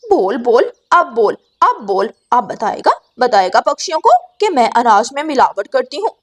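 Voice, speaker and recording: A woman voicing a crafty, bossy female crow shopkeeper in a cartoon who scolds and threatens loudly. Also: on the high side, big pitch swings, normal speed. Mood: threatening.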